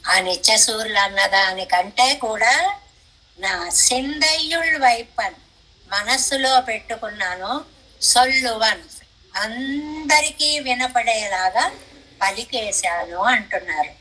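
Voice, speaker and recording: An older woman teaches religious hymns in an unhurried, measured way. Her voice is bright and clear, and she quotes lines of verse and then unpacks each one deliberately. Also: a little high, rough recording. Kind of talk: devotional commentary lecture.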